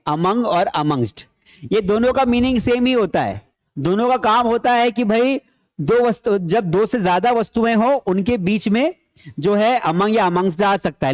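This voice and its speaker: A high-voiced grammar teacher lectures a class, repeating each key point and asking questions he then answers. His explanations are in Hindi mixed with English terms.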